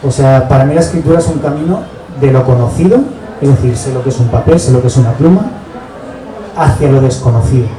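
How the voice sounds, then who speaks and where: Forties Spanish man, an author talking through his book, thoughtful and halting, mid pitch, picked up from afar in a noisy hall. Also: a crowd in the background. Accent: Spanish from Spain. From Barcelona, Spain. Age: 40s. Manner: reflective, halting, tags sentences with "¿no?". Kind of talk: book presentation talk. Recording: echoey hall, distant mic, background noise.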